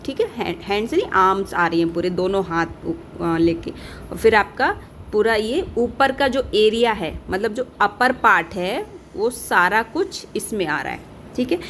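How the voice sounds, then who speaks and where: A woman from India teaching a casual lecture, talking quickly and checking in with her students after almost every point. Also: mid-range voice, slight background noise. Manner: talks fast, with a rhythm that speeds up as she teaches; keeps asking and answering her own questions, peppered with "theek hai" checks. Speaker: pharmacy tutor.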